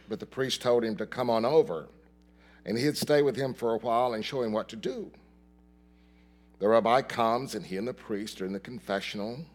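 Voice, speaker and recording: A man leading a church service, telling a joke to the congregation and then moving into his sermon with chatty asides. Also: medium pitch. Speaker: minister. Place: church sanctuary.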